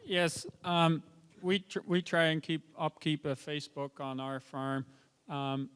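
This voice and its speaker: A man, a farmer in the audience, sharing his experience in a plain-spoken, slightly halting way. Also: on the high side, level tone, a bit bright, clean tone. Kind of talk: audience comment. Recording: long reverb of a lecture hall.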